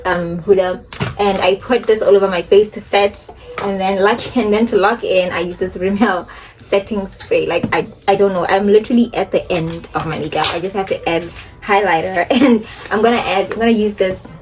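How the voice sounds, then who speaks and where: A woman's voice: medium pitch, fairly even intonation, normal speed, darkish tone, a little hiss or hum. A young woman chatting casually to a phone camera while doing her makeup, rambling and laughing often. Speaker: beauty and lifestyle vlogger.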